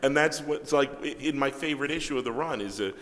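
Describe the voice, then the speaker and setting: A man, a comic book writer, telling casual anecdotes in an interview, animated, acting out quoted dialogue and swearing freely. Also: medium pitch, fast, long reverb tail.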